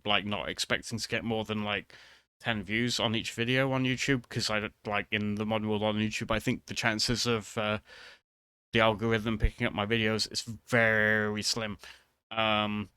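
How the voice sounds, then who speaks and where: A man talking casually to viewers in a rambling monologue, hesitant and halting, often trailing off mid-thought. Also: on the low side, pushed and bright, clean tone, dry recording. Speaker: vtuber video creator.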